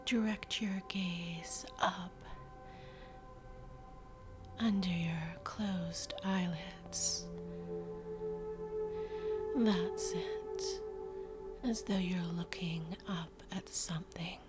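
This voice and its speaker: Woman, whispered role-play, ASMR hypnosis, right in your ear, extremely slow, seductive and soothing, prominent singing bowl music behind. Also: lowish voice, animated. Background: music with singing bowl tones.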